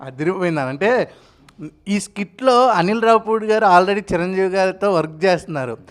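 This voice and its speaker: A male interviewer with a notably high voice, enthusiastic and full of praise for his guest. He keeps the chat casual and upbeat. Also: lively intonation, moderate pace. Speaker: interviewer host.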